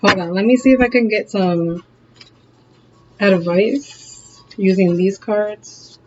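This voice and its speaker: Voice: mid-range voice, slow, background noise. Chatty tarot reader, dull lo-fi sound. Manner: chatty, keeps checking in with "okay?" and "all right?"; laughs often, encouraging and direct. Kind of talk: casual tarot reading to camera.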